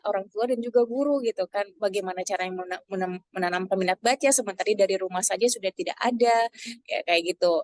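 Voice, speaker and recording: A woman's voice: medium pitch, dry recording. A woman asking a question in an online talk, hesitant and searching for words. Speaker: audience member asking a question. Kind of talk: casual online Q&A.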